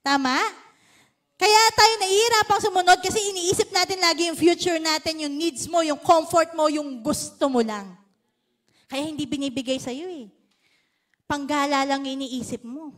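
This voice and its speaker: A woman's voice: high voice, normal speed, fairly bright tone. A woman pastor with a Filipino accent, giving a sermon in a chatty, playful style and teasing the congregation. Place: church service.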